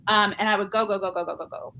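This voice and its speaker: Woman podcast guest, middle pitch, enthusiastic, talky and casual. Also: fairly even intonation, fast talker, pushed and bright, slight background noise. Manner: upbeat, chatty, many "like" fillers. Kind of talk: casual conversational interview.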